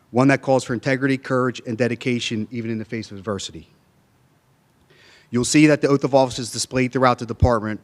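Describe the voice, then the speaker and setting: A police department official at a council meeting, a man giving a measured, solemn prepared address into a podium microphone. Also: mid-range voice.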